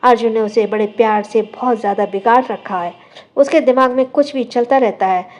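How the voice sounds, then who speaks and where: A protective aunt from an audio drama, brisk and defensive, as a woman narrator puts her on. Her voice is fairly high. She talks quickly in her niece's favour. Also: close to an everyday voice.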